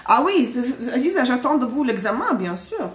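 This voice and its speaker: A woman's voice: a little high, very animated, normal speed, echoey room, distant mic, a little hiss or hum. A woman from Russia with a Russian accent, chatting casually through a live tarot reading, correcting herself and joking as she goes. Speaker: tarot reader.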